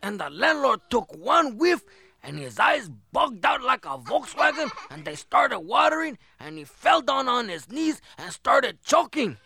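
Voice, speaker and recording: A male comedian telling a rambling, deadpan parody of a fairy tale. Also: extremely high pitch, unhurried, gravelly, husky. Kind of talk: comic storytelling routine.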